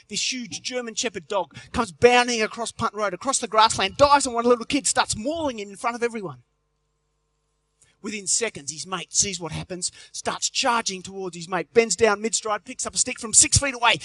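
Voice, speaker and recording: Aussie guy, middle-aged, on stage telling jokey stories, pretty high voice, dry close sound. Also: fairly quick, bright, forceful tone, no room sound. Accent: Australian. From Australia. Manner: jokey storytelling, punchy delivery. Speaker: motivational health speaker. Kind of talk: live conference speech. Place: large convention hall stage.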